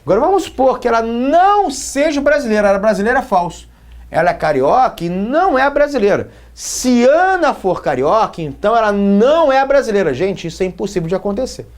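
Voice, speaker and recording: A man from Brazil teaching logic at a whiteboard, his pitch rising and falling a great deal. He explains step by step and keeps asking the students short questions to check they follow. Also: big pitch swings, a little fast.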